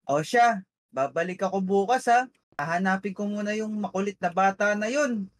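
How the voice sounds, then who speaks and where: A woman's voice: medium pitch, normal speed, lightly acted. A woman playing a pushy bumbling policeman. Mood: suspicious. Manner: nagging, suspicious questioning. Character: pushy male police officer, stern but bumbling.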